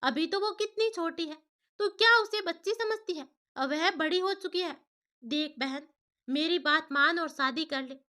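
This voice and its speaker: A woman's voice: extremely high pitch, unhurried, pushed and bright, full character voice. A woman voicing a caring elder sister who talks in an earnest, persuasive way.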